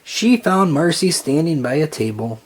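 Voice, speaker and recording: With a slightly rough, medium-pitched voice, a narrator reads aloud from a children's storybook, pacing it deliberately and giving it expressive storytelling flair.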